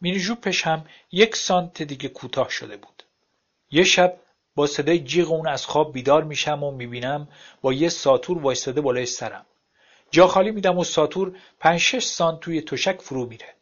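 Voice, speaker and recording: A man narrating a story aloud in a wry, plain storytelling manner. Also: on the high side. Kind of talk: audiobook narration. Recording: dull lo-fi recording.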